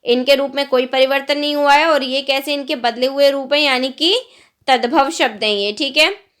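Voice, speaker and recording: High-voiced woman teaching a lesson. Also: normal speed, a bit bright. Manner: drills with questions she answers herself. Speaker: Hindi teacher. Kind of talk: exam-prep grammar lesson.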